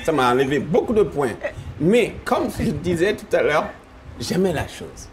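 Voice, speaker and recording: A singer whose first language is Yakuba, chatting in an interview and telling stories with a laugh. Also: male voice, a little high, normal speed, slight background noise. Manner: animated storytelling, laughing often. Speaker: gospel singer. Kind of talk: casual interview chat.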